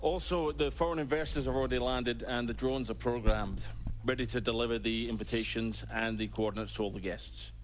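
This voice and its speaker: A man's voice: mid-range voice, fairly even intonation, a little fast, lightly acted. An actor playing a dutiful, businesslike henchman in video game dialogue. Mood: deferential. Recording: faint ambient noise.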